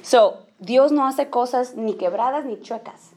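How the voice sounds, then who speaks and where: At a women's church gathering, a woman with a fairly high, dark-toned voice speaks a little slowly. Her talk is informal: she checks in with listeners often, drops in English phrases, and acts out little quoted scenes.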